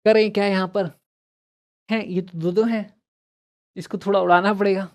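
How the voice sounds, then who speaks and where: A man's voice: high-pitched, little pitch movement, normal speed. A young man teaching a math class online, chatty and encouraging, switching freely between Hindi and English. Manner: chatty, mixes Hindi and English, addresses students as friends.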